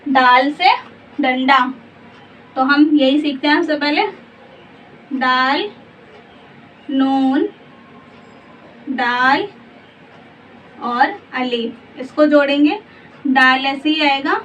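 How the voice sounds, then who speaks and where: A woman teaching a slow Urdu spelling lesson. She says each letter in turn, then reads out the whole word, and she asks the learner questions along the way. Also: high-pitched, a bit bright. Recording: dull, muffled audio from a distance with faint background hiss.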